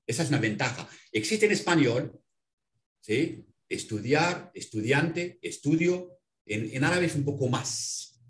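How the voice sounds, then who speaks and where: A man teaching a language in an interview, patiently explaining and spelling out words slowly. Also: medium pitch, animated, echoey room. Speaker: Arabic language instructor.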